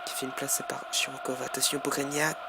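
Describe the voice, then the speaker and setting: A man giving excited live football commentary, bursting into shouts at the big moments. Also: mid-range voice, brisk, creaky. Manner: bursts into shouts at goals and chances. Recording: loud background noise throughout.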